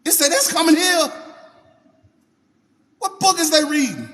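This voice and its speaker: A man reading scripture slowly and then preaching in casual asides, talking to viewers by name and asking them questions. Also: very high-pitched, sing-song, a bit bright, big-room sound. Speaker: Bible teacher on a livestream. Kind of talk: informal Bible reading and preaching.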